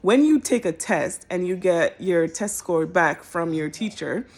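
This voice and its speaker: A young woman telling a personal story to her viewers in a casual, animated, emotional way. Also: lowish voice, a little slow. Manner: animated, emotional, colloquial, bursts into laughter.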